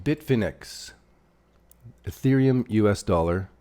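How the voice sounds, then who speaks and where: Canadian male streamer, low, mellow voice, loose rambling delivery while he reads chat and marks up charts. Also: expressive, takes it slowly. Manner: rambling, thinks aloud while drawing on charts; reads out and answers viewer chat. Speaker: crypto livestream host. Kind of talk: casual livestream chart commentary.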